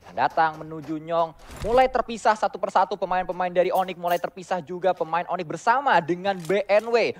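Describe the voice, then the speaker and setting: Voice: mid-range voice, a little fast. An esports caster with an Indonesian accent giving live, detailed, urgent play-by-play of a game match.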